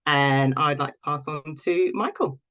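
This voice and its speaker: Woman corporate panelist, bright crisp-edged voice, conversational introduction. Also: sits low, measured pace. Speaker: panelist, corporate diversity lead.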